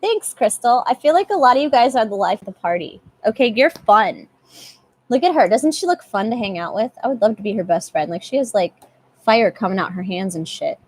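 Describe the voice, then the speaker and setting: A woman's voice: medium pitch, lively intonation, a little fast. A young woman giving a casual live tarot reading, chatty and often repeating herself. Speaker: tarot reader.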